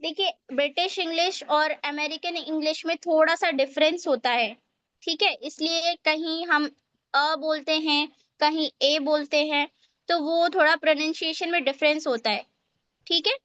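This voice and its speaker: A woman's voice: high voice, steady tone, measured pace, a bit bright, dry recording, dull audio. A woman teaching an online spoken English class, explaining step by step and often checking that her students follow. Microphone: online video call.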